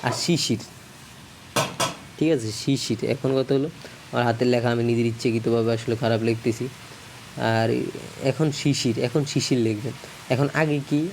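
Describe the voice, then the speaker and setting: A man giving a casual video lesson, talking haltingly, correcting himself often and checking for understanding. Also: medium pitch, steady tone, noisy background. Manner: halting, frequent self-corrections and apologies. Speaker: teacher.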